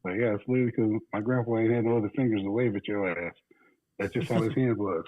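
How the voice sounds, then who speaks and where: A laid-back man from the American Midwest chats casually as a guest, using fillers and chuckles. He talks fast in a lowish voice with fairly even intonation, heard over a tinny, dry phone line.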